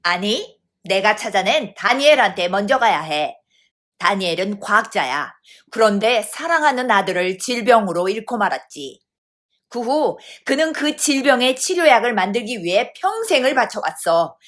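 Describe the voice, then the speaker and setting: An earnest young angel, played by a woman, argues like a speaker on stage. The delivery is persuasive and animated. It is part of a children's storybook reading. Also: medium pitch, normal speed. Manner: orator-like, persuasive.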